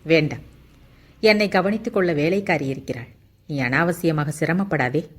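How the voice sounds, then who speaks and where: A motherly older woman speaks gently and reassuringly in a lowish, warm-toned reading voice, as a woman narrator puts her on. Her tone is caring and steady. It is a storybook reading of a novel. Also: normal speed, slightly rough. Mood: gentle.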